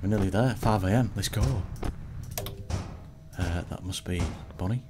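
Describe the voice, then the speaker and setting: A man's voice: deep voice, normal speed, background noise. A man casually commenting on a horror game as he plays it, with laid-back, muttered reactions. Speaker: gaming channel host.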